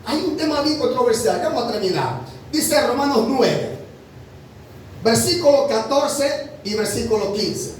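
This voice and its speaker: A man's voice: extremely high pitch, animated, a little slow, a little hiss or hum. A man preaching a sermon to a congregation, emphatic, asking rhetorical questions and calling his listeners brother. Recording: very echoey hall from far off.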